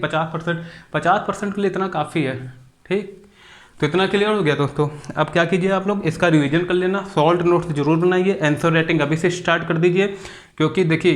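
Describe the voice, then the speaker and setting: A young man with a somewhat high voice gives an exam-prep video lecture. He keeps asking his students rhetorical questions and answers them himself. He caps his phrases with a quick "okay". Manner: repetitive, asks students rhetorical questions, ends phrases with "ठीक". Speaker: exam coaching teacher.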